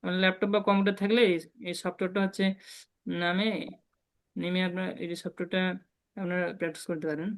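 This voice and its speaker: A woman teaching a beginner Chinese lesson online, slowly drilling sounds for her students to repeat. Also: lowish voice, little pitch movement. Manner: patient, slow repetitive drilling of sounds.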